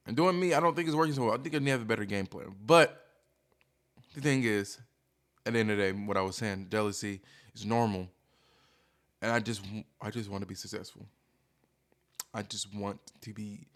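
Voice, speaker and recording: Male streamer, lower-pitched voice. Candid, casual confessional delivery that rambles and hesitates, putting himself down as he goes. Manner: self-deprecating; rambling, hesitant, thinking aloud.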